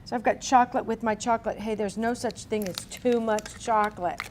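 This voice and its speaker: A chatty woman with a fairly high voice hosts a casual cooking demo. She narrates each step and drops in folksy asides. A faint ambient noise sits behind her. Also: brisk, darkish tone. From Cape Cod, also grew up partly in Berlin in a US military family. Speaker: cooking show host. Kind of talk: casual cooking demonstration chat. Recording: noticeable background room noise.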